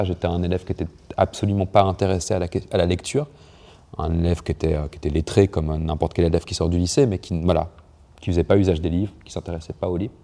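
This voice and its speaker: His voice sits low with a dark tone. The speaker, a young poet and writer from France, talks about language in an interview in neutral Parisian French, faltering often with fillers and false starts.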